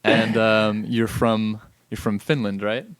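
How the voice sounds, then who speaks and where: A man hosting a casual interview, asking relaxed, laid-back questions with fillers. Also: lowish voice, takes it slowly. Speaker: podcast host interviewer.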